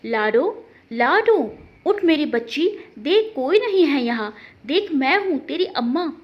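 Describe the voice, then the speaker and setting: A woman's voice: high voice, lively intonation, a little slow, dull audio. A woman voicing a sixty-five-year-old grandmother who soothes and teases her granddaughter. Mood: urgent. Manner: soothing, affectionate. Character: elderly grandmother, tender and teasing.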